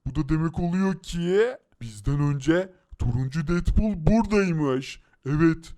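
Excitable high-voiced male game host. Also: a little slow. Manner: excitable, exclaiming, talks to viewers.

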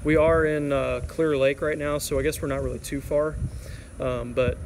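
A man's voice: on the high side, normal speed, creaky, poor audio. A young man in his twenties filming himself on a phone while fishing by a creek, talking casually and rambling with lots of fillers. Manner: relaxed and rambling, many fillers. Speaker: fishing vlogger. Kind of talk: casual outdoor vlog. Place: outdoors by a creek under a highway overpass. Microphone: phone camera held at arm's length. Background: traffic and outdoor ambience.

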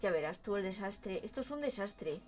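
Female VTuber, Madrid accent. Cute, high, lively swings, expressive casual reactions, light music behind. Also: normal speed. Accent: Madrid Spanish. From Madrid, Spain. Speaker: VTuber streamer. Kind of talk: casual livestream reaction commentary.

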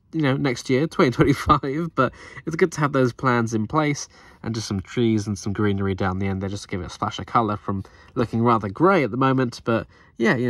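His voice is fairly low, and the recording has no echo. The Lego builder and channel host narrates casually over his build footage, cheerfully thinking aloud as he assembles.

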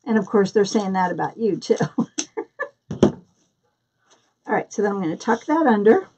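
Slowly working through a live craft demonstration, a woman from the Philadelphia area with a matching accent chats and greets viewers by name between steps. Her mid-range voice is mellow and a little husky, with big pitch swings, and the recording sounds dull and lo-fi.

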